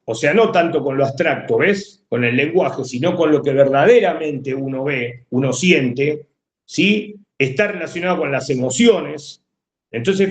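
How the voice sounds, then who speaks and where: A man's voice: on the high side, roomy sound. A man teaching a class with a Rioplatense Spanish accent, explaining step by step and often checking that students follow. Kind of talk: classroom lecture.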